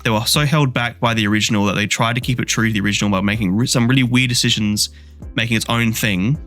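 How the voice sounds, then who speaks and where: He talks quickly in a fairly low, slightly bright voice, with faint music in the background. As a co-host on a movie podcast, he gives a casual review that becomes a blunt, swear-filled rant building in energy.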